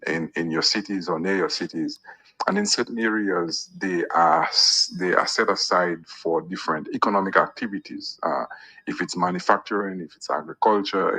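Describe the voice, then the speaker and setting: A man whose recorded voice note is played on a call-in radio show, explaining his complaint point by point in a measured, critical way. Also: deep voice, bright, forceful tone, husky, rough recording. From Dominica. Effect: recorded voice note played on air. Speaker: listener sending a voice note.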